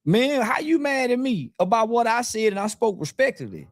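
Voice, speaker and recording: A man with a notably high voice launches into a defiant interview rant, blunt and profane, circling back to the same points again and again. The sound is dry and close, with almost no room around it. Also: sing-song, moderate pace, no echo. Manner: profane, blunt, repeats himself; defiant and angry. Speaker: interview guest.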